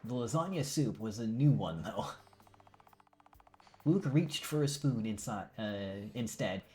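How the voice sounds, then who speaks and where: A man's voice: fairly low pitch, lively intonation, a little slow, warm tone. A man streaming himself reading a visual novel aloud, often tripping over words and correcting himself, drowsy and yawning. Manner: stumbles and self-corrects, drowsy.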